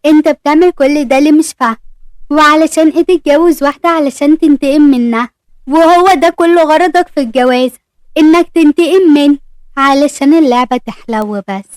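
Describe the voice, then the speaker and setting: A woman's voice: high-pitched, fairly quick, dry recording, lightly acted. An Egyptian woman voicing an angry young bride who accuses her fiancé, lightly acted. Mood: bitter. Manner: bitter, accusing.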